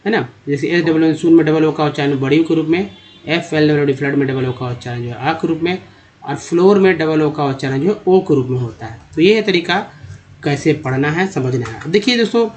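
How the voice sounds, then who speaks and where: A man's voice: on the high side, fairly quick, darkish tone. A man teaching English reading, explaining slides step by step, repeating example words and addressing viewers as friends.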